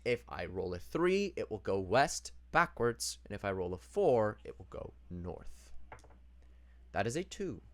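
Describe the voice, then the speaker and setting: A man's voice: lowish voice, big pitch swings, a little slow, fairly bright tone. A man running a tabletop role-playing game as game master, describing the action and laughing often. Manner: laughs often while narrating.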